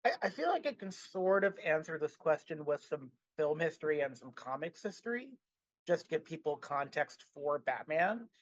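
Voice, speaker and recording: A man's voice: a little high, sing-song, moderate pace, no room sound. Chatty man with a muffled mic. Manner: chatty, frequent fillers and restarts. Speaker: podcast co-host. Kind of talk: casual podcast discussion.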